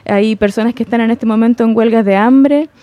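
A woman's voice: on the high side, steady tone, a little fast, dry recording, muffled recording. A woman hosting a community radio program, speaking earnestly with small hesitations. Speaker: radio host.

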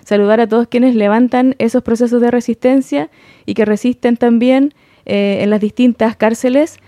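A woman's voice: on the high side, steady tone, normal speed, mellow, dry recording. Earnest woman radio host. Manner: earnest, with frequent hesitations. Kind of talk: community radio hosting.

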